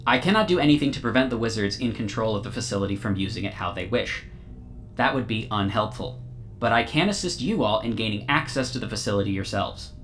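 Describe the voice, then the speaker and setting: A man voicing a small, glowing male AI construct that speaks in a calm, formal, overly literal way. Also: on the low side, fast talker, slight background noise. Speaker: game master. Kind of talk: tabletop game role-play.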